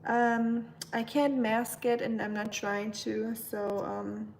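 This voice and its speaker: Cooking at home on a livestream, a young German-accented woman rambles chattily, reads out the chat and fills her talk with ums. She speaks slowly in a slightly high, level voice with vocal fry. A distant mic catches slight background noise and kitchen clatter as dishes, pots and pans clink.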